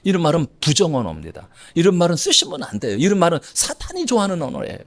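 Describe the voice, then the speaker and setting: Animated, high-voiced male pastor preaching. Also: fast talker. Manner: emphatic preaching, repeating key phrases and addressing the congregation. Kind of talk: Sunday sermon.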